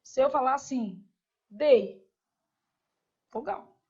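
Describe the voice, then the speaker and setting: A high-pitched woman with a Brazilian Portuguese accent leads a grammar lesson. She keeps asking her students questions and answering them herself. The recording sounds a little dull and muffled. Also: slow, a little mellow, breathy edge. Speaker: teacher.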